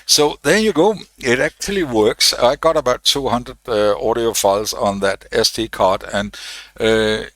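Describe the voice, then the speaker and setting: This man has a medium pitch and a somewhat bright, unhurried voice, and there's no room sound in the recording. He's hosting an electronics tutorial and walks through his project casually, thinking out loud and often saying uh or starting over. He uses a desk microphone that he switches on and off.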